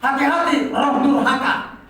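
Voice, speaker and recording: An older woman pastor preaching a lively sermon, scolding and acting out quoted dialogue. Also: high voice, unhurried. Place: large echoing church hall. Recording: very echoey hall from far off.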